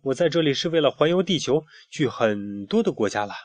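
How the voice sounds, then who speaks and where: A man's voice: mid-range voice, animated, fairly quick, slight background noise, lightly acted. A man voicing a cranky, snappish rubber toy boat. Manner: snappish, loud.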